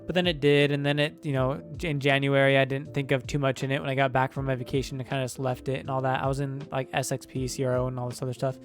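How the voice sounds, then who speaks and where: A man's voice: medium pitch, little pitch movement, quick pace, hardly any pauses, soft background music. A young man hosting a crypto channel, talking through his screen in a casual, rambling way with many fillers and restarts, his mouth sore so speech comes with some effort. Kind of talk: casual screen-share commentary.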